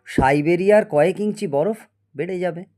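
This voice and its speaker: A man with a high-pitched, warm, natural voice plays a proud, obsessive, stubborn middle-aged scientist in a Bengali audio story. He sounds boastful and assured, theatrical and prone to stammering when agitated, speaking at a moderate pace with faint music behind him.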